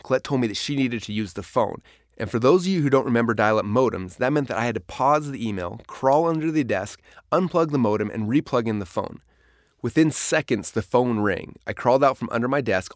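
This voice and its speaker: A man reads aloud from his own memoir for an audiobook, using a medium-pitched voice. His delivery is that of a storyteller, dramatic in places, captured in clean studio sound without echo.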